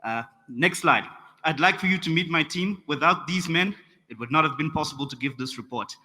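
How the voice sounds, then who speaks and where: A young South African man, the conference track rapporteur, gives a friendly, lightly joking report and calls for slides in a South African accent. His high-sided voice is brisk, bright and forceful, echoing around a reverberant conference hall.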